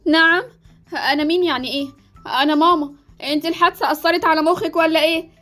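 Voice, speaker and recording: A woman playing a frantic, very high Egyptian mother. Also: steady tone, quick pace, pushed and bright, faint music behind. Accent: Egyptian Arabic. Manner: frantic, pleading. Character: anxious, doting mother. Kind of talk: Roblox series voice acting.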